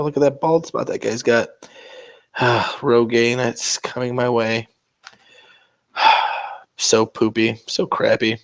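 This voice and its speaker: A man livestreaming while he paints miniatures, rambling in casual, profane, teasing banter aimed at his viewers. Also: medium pitch. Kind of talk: casual chat.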